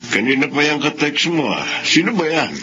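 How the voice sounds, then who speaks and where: A man's voice: on the high side, expressive, normal speed, close to an everyday voice. An actor playing a disapproving, nagging middle-aged Filipino father in an old-style radio drama. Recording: dull, faintly noisy radio drama recording.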